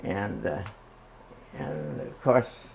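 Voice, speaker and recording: Very old man, slow and creaky. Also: deep voice, expressive, a little hiss or hum. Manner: very old man's halting, hesitant delivery. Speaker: interviewee recalling the past. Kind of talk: oral history reminiscence.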